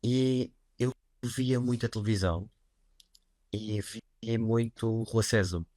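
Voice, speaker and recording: A man with a fairly low voice and a European Portuguese accent talks about writing, easygoing and a little self-mocking. He rambles comfortably with casual fillers. The sound is dry and close, with no room around it. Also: takes it slowly, no echo. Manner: relaxed, chatty, self-deprecating, with many fillers like "pá". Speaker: guest writer and writing teacher. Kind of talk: casual interview conversation.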